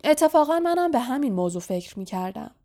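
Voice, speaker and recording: A woman's voice: high voice, sing-song, warm tone, pitched above the performer's own voice. A vain storybook wizard brags about himself, as a woman narrator puts him on. He sounds smug and self-satisfied the whole time. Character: boastful vain male wizard.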